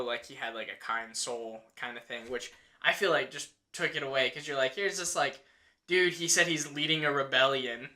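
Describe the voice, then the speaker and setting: Bright-voiced young man chatting about movies. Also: medium pitch. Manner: animated, acts out scenes with quoted lines, many "like" fillers. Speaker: podcast co-host. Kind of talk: casual movie discussion.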